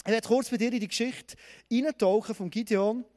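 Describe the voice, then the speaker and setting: A man's voice: very high-pitched, steady tone, brisk, darkish tone. A man preaching a sermon, retelling a story and asking the congregation direct questions. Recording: long hall reverb.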